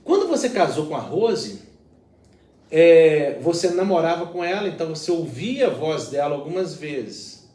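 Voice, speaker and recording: A man's voice: a little high, very animated, normal speed, dark tone, reverberant, distant mic. A man, a pastor, talking through a Bible reflection in an earnest, explanatory way with everyday examples.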